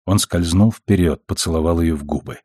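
A male audiobook narrator with a low, husky voice. He reads in a steady, measured way. The recording is dry and close, with no room sound. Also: no room sound. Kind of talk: scripted narration.

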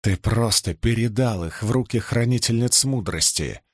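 A man's voice: fairly low pitch, expressive, moderate pace, no room sound, clean studio sound. Man doing a blunt defiant young man. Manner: sharp, reproachful.

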